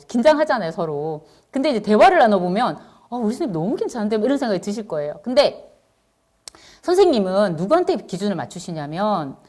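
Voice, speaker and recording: A woman's voice: medium pitch, darkish tone. A middle-aged woman teacher giving a talk to parents, explaining, asking the audience questions and acting out what parents and children say. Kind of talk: lecture to parents.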